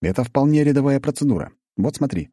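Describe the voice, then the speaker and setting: A man voicing a calm, dryly teasing male healer, the first-person hero of an audiobook. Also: mid-range voice, fast, no echo, clean studio sound, pitched above the performer's own voice, lightly acted.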